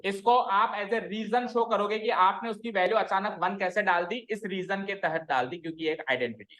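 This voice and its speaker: A man's voice: high-pitched, sharp tone, poor audio. A man teaching a maths class online, explaining steps and often asking students if anything is unclear. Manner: checks often for doubts, informal Hindi-English mix.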